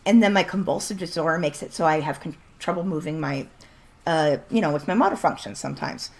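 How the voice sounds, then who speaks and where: She has a low voice with vocal fry, lively intonation and a brisk delivery. Chatting bluntly and casually on a gaming stream, she laughs frequently while her voice begins to fade.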